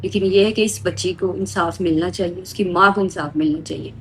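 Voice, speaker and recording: A woman's voice: on the low side, steady tone, noisy background. A woman, telling a victim's account and appealing urgently to viewers. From Pakistan. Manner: emotional, urgent, indignant. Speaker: activist relaying a victim's account.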